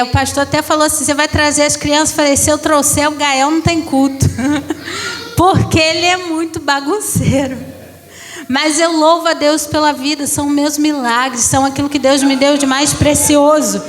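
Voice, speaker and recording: A woman's voice: high-pitched, in a large hall. A woman in her thirties, a pastor giving an emotional testimony to a congregation, calling them brothers. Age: 30s. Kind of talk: church testimony.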